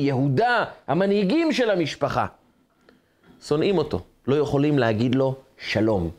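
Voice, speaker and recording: A rabbi delivers a sermon on the weekly Torah portion in a high male voice. He tells the story dramatically, stacking short phrases into rhythmic lists. His pitch swings widely as he builds each point.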